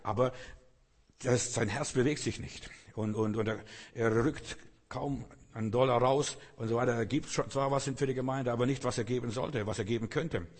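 A man's voice: mid-range voice, fairly even intonation, normal speed. A man pastor preaching a sermon in an earnest, repetitive way and speaking directly to his listeners. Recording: long hall reverb.

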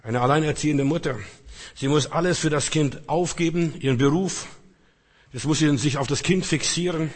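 A man's voice: on the high side, moderate pace, breathy edge. A man preaching a sermon in church, speaking straight to the congregation with rhetorical questions. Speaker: pastor.

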